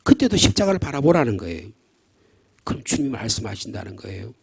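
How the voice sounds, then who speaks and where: A middle-aged man preaching an early-morning prayer sermon in a church, earnest and swinging from hushed near-whispers to raised emphatic lines. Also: on the low side, sing-song, gravelly, breathy edge. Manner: leads the congregation in slow reading of hymn lines. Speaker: pastor. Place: church sanctuary.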